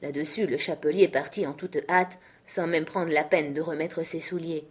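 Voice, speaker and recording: A woman reading a storybook aloud as audiobook narrator, in a steady, even style. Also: sits low, normal speed, breathy edge. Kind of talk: scripted narration.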